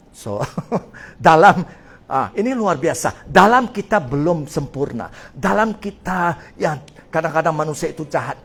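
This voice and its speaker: A male pastor preaching a sermon in a lively way, slipping into English phrases and laughing often. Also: a little high.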